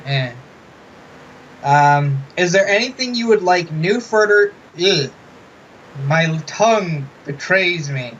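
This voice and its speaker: A man hosting an interview, asking questions in a soft, slightly mumbling, hesitant way from inside a fursuit head. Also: high-pitched, expressive, slow pace. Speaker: interviewer, channel host. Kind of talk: casual interview. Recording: muffled, dull audio with hiss.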